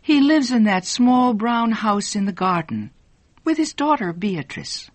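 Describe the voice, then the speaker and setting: The storyteller voicing an older landlady who answers quickly and explains plainly. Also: medium pitch, big pitch swings, dry recording, pitched above the performer's own voice. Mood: matter-of-fact.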